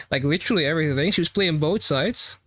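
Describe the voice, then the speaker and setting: A man's voice: fairly high pitch, lively intonation, a little fast, fairly bright tone, no echo. A man giving casual, crude and profane live commentary as he reacts to a game's story. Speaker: streamer reacting to a game story. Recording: dry mic, faint game music behind. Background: game music and dialogue.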